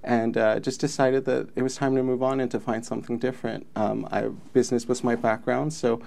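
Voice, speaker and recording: A film commission president in his thirties, born in Mexico with Spanish as his native language, is an interview guest giving earnest, reflective responses. His mid-range voice is level and a little fast, a little mellow, with vocal fry.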